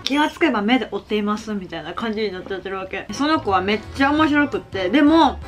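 Fast, lively Kansai-accented young woman. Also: on the high side. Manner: chatty and giggly, self-deprecating. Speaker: vlogger. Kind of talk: casual chat while eating. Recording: background music under the voice.

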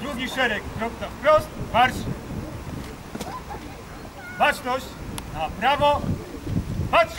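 A man barking clipped military commands like a drill sergeant, with long pauses, outdoors on a parade square. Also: very high voice. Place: open-air town square at a military ceremony. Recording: noisy outdoor recording, at a distance.

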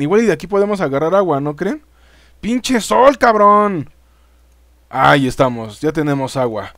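Chatty Mexican gamer, slightly high voice. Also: male voice, dry recording, studio quality. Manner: chatty, swears freely, talks straight to viewers. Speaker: gaming YouTuber. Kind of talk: casual let's-play commentary.

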